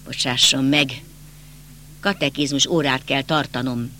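A man's voice: mid-range voice, fairly even intonation, sharp tone, close to an everyday voice. A man voicing a timid, tormented country priest in an audiobook, stammering meekly and pleading. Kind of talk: audiobook character reading.

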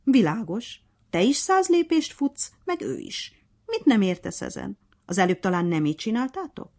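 A woman's voice: medium pitch, very animated, a little mellow, pitched above the performer's own voice. A woman voicing a fair-minded but bossy male hare acting as referee in a storybook tale, speaking in a strict, commanding way.

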